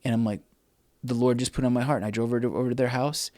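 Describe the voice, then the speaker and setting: A middle-aged man, an interview guest, telling his personal testimony in a candid, animated way and acting out the dialogue. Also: mid-range voice, very fast, no room sound.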